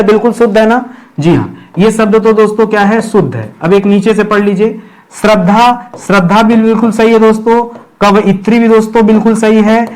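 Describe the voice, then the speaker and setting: Male teacher, high voice, video lesson, repeats words, asks rhetorical questions, checks in with viewers. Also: a little mellow. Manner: keeps addressing viewers as friends; ends phrases with a checking "theek hai". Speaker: Hindi grammar teacher. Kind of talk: exam-prep video lesson.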